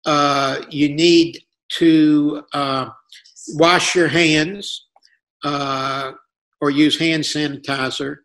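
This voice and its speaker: A man with a fairly high voice speaks at an unhurried, deliberate pace over a video call. He gives advice haltingly, stopping often and filling gaps with "uh" as he works through each point. He comes across as an interview guest answering questions. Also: steady tone, a bit bright. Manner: hesitant, halting with many pauses and fillers.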